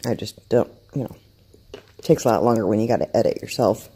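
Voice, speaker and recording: A woman's voice: rumbling low, a little fast, mellow, husky. A woman vlogging casually at home, rambling and restarting her sentences while chewing food and showing her craft work. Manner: rambling, self-interrupting, chatty. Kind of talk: casual chat to camera. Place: home, downstairs room.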